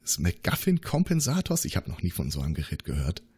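In a tabletop game, a man voices a suspect: a paranoid, conspiracy-minded male scientist who is nervous, evasive and keeps contradicting himself. His low voice is husky and a little mellow, with huge swings in pitch, an exaggerated style and a fairly quick pace.

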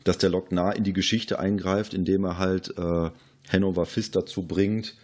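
Co-hosting a podcast, a man chats casually about movies in a low, fairly dark voice. His tone stays even and his pace is normal.

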